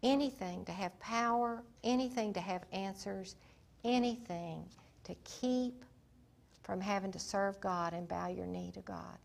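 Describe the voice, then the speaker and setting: A woman teaching the Bible in sermon style, retelling its stories emphatically and dramatically, sometimes dropping to a hushed voice. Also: medium pitch, a little slow, gravelly. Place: Africa.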